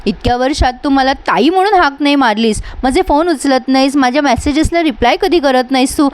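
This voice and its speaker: A woman's voice: high voice, a little fast, lightly acted. A woman retelling a pleading, reproachful estranged sister from a TV serial. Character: pleading estranged older sister of middle age.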